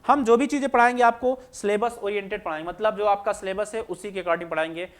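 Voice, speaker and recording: A man. He keeps asking the class questions and answering them himself, repeating each point in a patient, drawn-out way. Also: high voice, steady tone. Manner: repetitive, asks students questions then answers them. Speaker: maths teacher. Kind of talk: classroom lecture explaining on screen.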